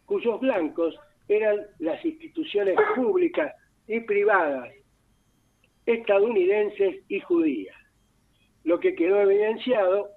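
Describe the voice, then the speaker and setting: A man with an Argentine accent, a radio columnist reading a formal, dense prepared column in a measured way. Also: high voice. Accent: Argentine Spanish. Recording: tinny phone line.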